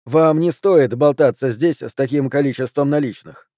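A man's voice: medium pitch, normal speed, mellow, dry recording, studio quality, lightly acted. A man voicing a friendly, easygoing bartender in an audiobook, giving advice. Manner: easygoing and advising. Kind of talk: audiobook character reading.

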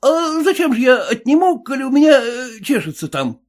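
A man voicing a suspicious, boastful peasant cab driver with a shrill, folksy way of talking. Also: sing-song, normal speed.

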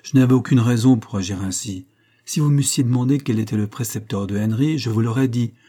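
Un homme qui lit une jeune femme fière, vive et ironique, dans un livre audio. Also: male voice, medium pitch, a little fast, warm tone, lightly acted. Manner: ironique, railleuse.

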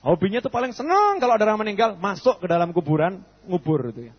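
He's a fast-talking preacher with a husky, high voice, throwing questions at the congregation and answering them in a spirited sermon full of acted dialogue. The audio is lo-fi and muffled, drenched in long reverb from a large hall.

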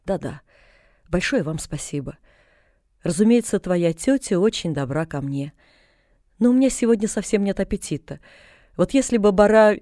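A sour bedridden woman of forty, as a woman reading a storybook puts her on, speaking low and tired with a dry grumble. The timbre is dark and mellow, and the sound is dry and close. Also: expressive, moderate pace, pauses often, no room sound, close to an everyday voice. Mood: weary. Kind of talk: audiobook character reading.

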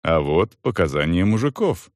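A man's voice: deep voice, moderate pace, dry recording. A man doing a dry, officious accountant. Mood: patient. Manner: dry, steady, officious reading. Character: tedious male accountant reading a report.

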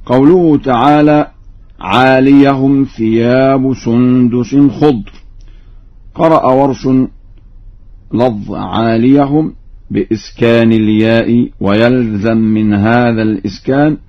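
A man giving a formal radio lesson on Quran reading variants, speaking measuredly and slowing into chanted recitation for each example. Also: mid-range voice, fairly even intonation. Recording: dull old radio broadcast recording.

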